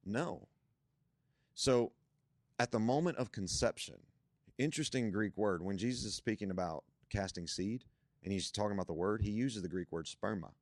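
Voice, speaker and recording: A man's voice: lowish voice, normal speed, dry recording, clean studio sound. A young man, a guest on a church podcast, talking about faith in an emphatic, preacherly way that builds to strong points.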